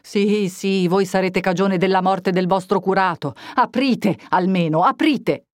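A woman's voice: mid-range voice, level tone, moderate pace, a little mellow, no echo, studio quality, close to an everyday voice. Woman doing a panicky old village priest. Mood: pleading. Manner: pleading, panicky.

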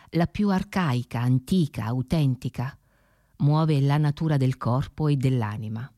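Film essay voice-over: measured and thoughtful, mid pitch, dark timbre. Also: no room sound, clean studio sound. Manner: measured and reflective. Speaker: film commentator. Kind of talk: scripted narration.

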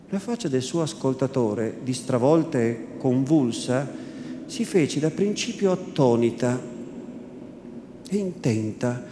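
A man narrating a classic novel in a measured, expressive theatrical reading. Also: a little high. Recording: echoey room with background noise.

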